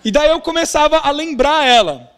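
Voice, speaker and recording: High-voiced Brazilian pastor in a reverberant hall. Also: male voice, moderate pace. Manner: animated, frequent tag questions, acts out family dialogue. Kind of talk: sermon storytelling. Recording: long reverb of a large hall.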